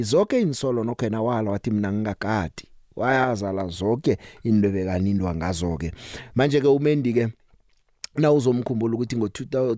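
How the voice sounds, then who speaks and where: A South African man presents sports on the radio in a low, mellow voice. His delivery is conversational, with hesitant, drawn-out fillers between phrases. The sound is close and dry. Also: dry recording.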